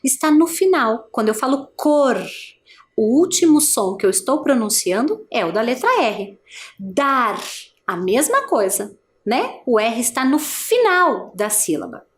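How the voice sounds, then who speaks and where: A woman teacher with a Brazilian Portuguese accent giving an adult education video lesson, explaining slowly and patiently and asking the learner encouraging questions. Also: a little high, big pitch swings. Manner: slow, patient, syllable-by-syllable explanation.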